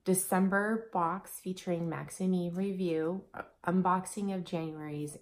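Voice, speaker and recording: A slightly hoarse woman vlogger chatting casually and upbeat through a beauty product review. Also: sits low. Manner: chatty, upbeat, laughs often.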